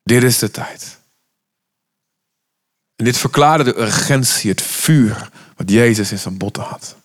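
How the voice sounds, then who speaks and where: A man's voice: mid-range voice, unhurried. A man from the Netherlands preaching an urgent, impassioned sermon, sometimes voicing the words of Jesus.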